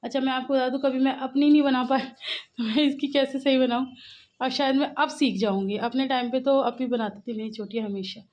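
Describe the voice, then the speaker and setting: Young mother vlogging at home, talkative and rambly, slightly high voice, filmed on a muffled phone mic. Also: steady tone, fairly quick, a little mellow. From Uttar Pradesh, India. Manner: chatty, rambling, talks straight to viewers. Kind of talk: casual home vlog chat. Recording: dull lo-fi phone audio with faint household noise.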